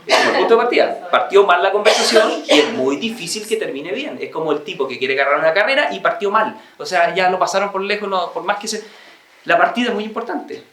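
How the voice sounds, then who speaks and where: A man giving a talk to an audience, chatty and animated, acting out little dialogues between spouses. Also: sits high, fairly quick, echoey room, distant mic, slight background noise. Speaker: speaker giving a talk on marriage. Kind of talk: lecture to an audience.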